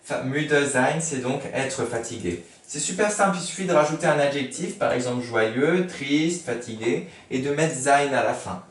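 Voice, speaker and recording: A man, teaching a remote German lesson to schoolchildren, explaining slowly and patiently with many fillers. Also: medium pitch, expressive, reverberant, distant mic.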